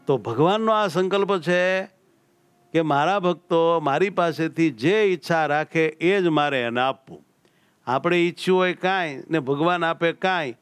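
A man's voice: a little high, clear, resonant tone, no room sound. A man with a Gujarati accent, a swami giving a scripture discourse to a temple assembly, preaching emphatically and repeating key phrases. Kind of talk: sermon.

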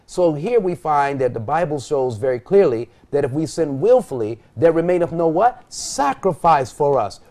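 On a TV studio panel, a middle-aged male pastor at a desk reads Bible passages with a slightly high, somewhat mellow voice. Very animated, he talks at normal speed with few pauses, asking rhetorical questions and answering them.

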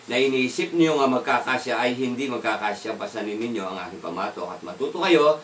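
A man leads a relaxed evening Bible devotional, repeatedly asking his listeners questions, dropping in English words, and laughing occasionally. His middle-pitched voice is brisk and a bit bright, sounding distant in an echoey room over a faint hum.

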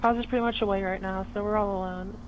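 A man's voice: sits high, fairly even intonation, quick pace, slight background noise, close to an everyday voice, poor audio. A man voicing a casual young woman gamer in a gender-swapped feminine voice, chatting in a prank. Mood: friendly, coy.

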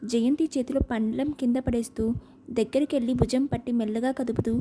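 High-voiced woman narrating an audiobook novel. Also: a little fast, noisy background. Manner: steady, expressive reading.

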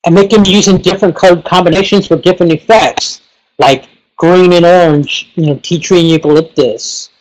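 A man's voice: sits high, fairly even intonation, fairly quick, low-quality recording. A man giving a casual webinar lesson, rambling and leaning heavily on fillers like "you know" and "like". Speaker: pranic healing teacher.

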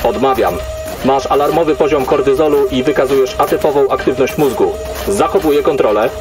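In a sci-fi audio drama, a man with a mid-range voice plays a cold, logical military AI that controls a soldier's body. He delivers clipped, formal reports in a detached, emotionless way, a little fast and lightly acted, over music.

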